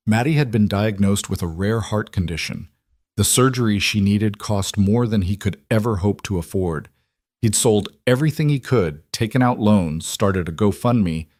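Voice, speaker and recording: A man narrating a dramatic story in a steady, measured way. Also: on the low side, no room sound, clean studio sound.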